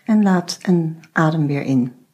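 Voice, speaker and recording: Slow, husky woman guiding a meditation. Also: low-pitched. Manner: slow, soft instructions with long pauses. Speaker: meditation guide. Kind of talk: guided meditation.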